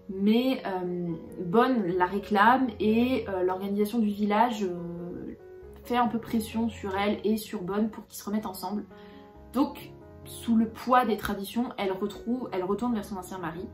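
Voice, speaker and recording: Young woman rambling about her fave reads, lots of ums, kinda echoey room, soft music behind. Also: mid-range voice. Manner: hesitant, many filler sounds and restarts. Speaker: book vlogger. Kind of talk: casual book review.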